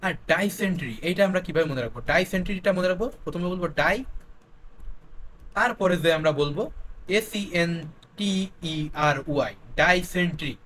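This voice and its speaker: A young man with a high, light voice runs an exam-prep spelling lesson. He spells words out letter by letter and keeps asking questions to drive each point home. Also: a little fast, a bit bright, slight background noise. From Bangladesh. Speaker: teacher.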